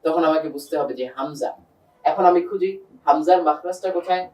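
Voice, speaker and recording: A man's voice: on the high side, fairly quick, a little mellow. A man teaching a step-by-step pronunciation lesson for reading the Quran. He patiently repeats each letter sound and speaks straight to a student and to the viewers. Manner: addresses a student and the viewers directly. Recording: roomy sound, voice from a distance.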